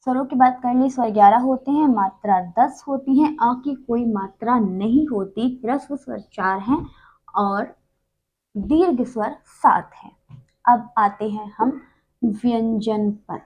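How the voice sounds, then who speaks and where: A woman with a fairly high voice teaches a grammar lesson at an unhurried pace. She explains patiently, saying each consonant slowly and on its own, and she often puts in small filler words. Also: a little mellow. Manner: uses many fillers.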